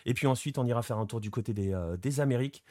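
A man's voice: medium pitch, fast, mellow, no room sound, studio quality. A man hosting a casual football show, rambling with many fillers and still with a sore throat after an illness. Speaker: host.

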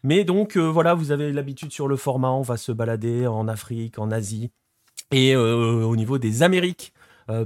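A man's voice: mid-range voice, a little mellow, dry recording, clean studio sound. A man hosting a casual football show, rambling with many fillers and still with a sore throat after an illness. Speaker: host.

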